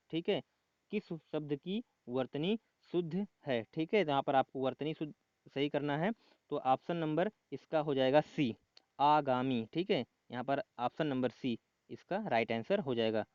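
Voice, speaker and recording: A man tutoring for a competitive exam, walking through quiz answers, often repeating the answer and saying "okay" between points, with the odd throat-clear. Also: fairly high pitch, normal speed, a little mellow, no room sound, muffled recording.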